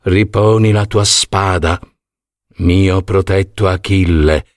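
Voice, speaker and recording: A man voicing a protective ancient goddess who whispers counsel in a hushed voice, in a storybook reading. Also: sits low, fairly even intonation, takes it slowly, dry recording, studio quality, pitched below the performer's own voice.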